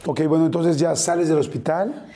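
A man's voice: on the high side, fairly even intonation, brisk, dark tone. A man with a Mexican accent interviewing a guest, chatty and full of slang. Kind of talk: casual interview.

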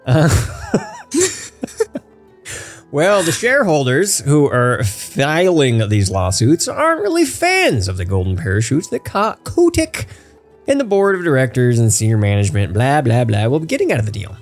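A man's voice: medium pitch, wildly swooping pitch, normal speed, soft background music. A man hosting a casual podcast, rambling through news and laughing at his own jokes. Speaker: podcast host.

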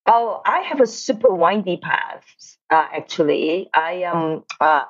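A woman's voice: lowish voice, lively intonation, unhurried, lo-fi sound. A woman from Hong Kong, a lighting designer, talking casually as a guest, with many fillers and restarts. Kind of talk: casual interview.

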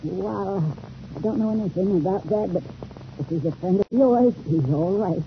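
An actor playing a gruff, wary old sailor with hesitant rustic speech in a 1930s radio adventure serial. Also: male voice, sits high, normal speed. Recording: muffled, tinny, noisy old radio recording.

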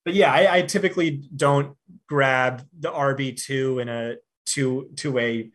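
A man's voice: mid-range voice, a little slow, a bit bright. A man giving fantasy football analysis in a casual podcast chat, with many fillers and restarts but firm opinions. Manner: frequent fillers and repeated starts, confident opinions.

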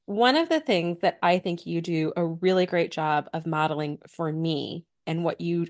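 A woman's voice: lowish voice, moderate pace. A woman co-hosting a podcast and speaking in the earnest, encouraging tone of a business coach. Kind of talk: casual podcast chat.

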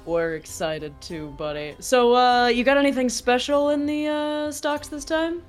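A woman's voice: high voice, unhurried. A woman bantering casually as a player in a tabletop role-playing game. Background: background music.

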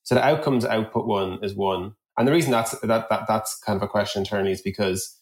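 A product executive appears as a guest on a conversational podcast, thinking aloud at length and working through examples. His voice is on the low side and a little fast. A roomy echo hangs on the recording.

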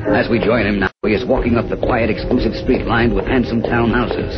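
A dull, vintage radio recording with loud music behind a man playing an American old radio announcer. He narrates a 1940s adventure serial with theatrical emphasis and suspense. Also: fairly low pitch, fairly even intonation, brisk, natural voice. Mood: dramatic, suspenseful.

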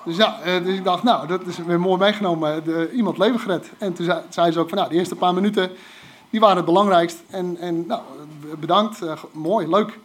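A man telling a personal story in a casual, animated way, with lots of fillers and restarts. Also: high-pitched, a little fast. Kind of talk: casual spoken anecdote.

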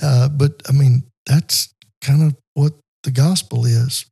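Brief: podcast co-host, husky and mellow, talks loosely with lots of "you know". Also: male voice, medium pitch, steady tone, slow. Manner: conversational, many fillers, tells stories. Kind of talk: casual conversation.

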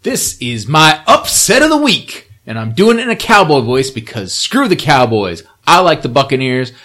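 Brief: man doing a mock cowboy drawl, bouncy and teasing, lively pitch. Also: fairly quick, close to an everyday voice.

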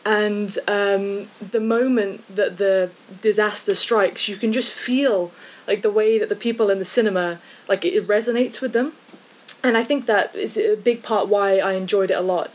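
A woman's voice: mid-range voice, steady tone, normal speed. English woman, hesitant casual chat. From English Midlands. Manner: hesitant, many fillers. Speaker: podcast guest, film journalist.

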